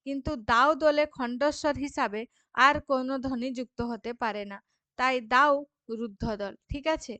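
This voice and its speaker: A woman's voice: high-pitched, fairly quick, pushed and bright, no echo. A woman teaching a school grammar lesson, patient and repetitive, often stopping to check that students follow. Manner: patient, repeats examples and asks checking questions. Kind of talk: classroom lesson explaining grammar.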